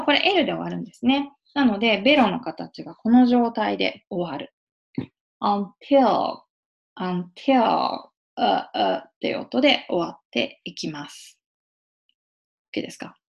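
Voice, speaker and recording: A woman giving a casual spoken lesson on English pronunciation, patiently demonstrating sounds with drawn-out vowels. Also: medium pitch, creaky. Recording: lo-fi dull sound.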